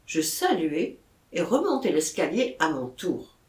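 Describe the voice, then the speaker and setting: A woman reading a classic novel aloud in a measured, expressive style. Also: deep voice. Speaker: audiobook reader. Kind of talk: literary narration. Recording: echoey room.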